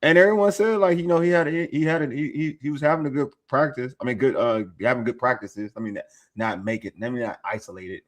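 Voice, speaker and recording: A man in casual talk-show banter, speaking at a middling pitch. He rambles and restarts his thoughts, gets excitable, and laughs a lot. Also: fast talker. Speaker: podcast host. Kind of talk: casual sports chat.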